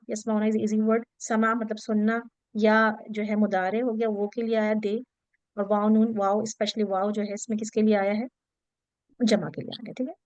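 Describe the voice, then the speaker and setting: A woman teaching a class, explaining in a steady, explanatory way. She slips English terms into her sentences and often checks in with her listeners. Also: on the high side, no echo. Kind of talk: interactive class lecture.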